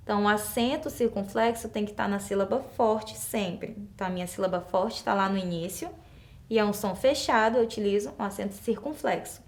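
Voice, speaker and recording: A woman's voice: medium pitch, fairly quick. A Brazilian woman teacher with a Brazilian Portuguese accent, explaining exercises patiently and step by step, often asking a question and then answering it herself. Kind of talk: classroom lesson explaining exercises.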